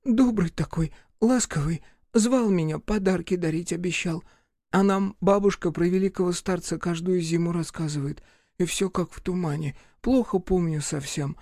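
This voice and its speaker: A man's voice: high-pitched, normal speed, a little mellow, no room sound, studio quality, voice pushed up. Man doing a stammering frozen little boy. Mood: shivering. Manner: stammering through chattering teeth. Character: frozen little village boy, timid and shivering.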